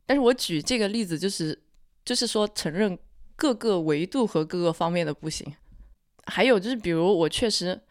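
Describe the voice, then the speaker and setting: A woman speaks as a podcast co-host in a slightly low, steady voice, sounding composed, cool and rational during a casual, reflective chat. She talks at a normal speed, and the recording is dry with little room sound.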